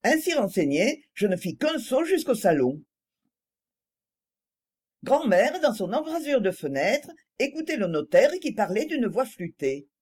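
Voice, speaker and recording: A woman's voice: a little high, very animated, a little slow, a little mellow, husky. A woman narrating a novel in the first person, reading expressively as scripted audiobook narration.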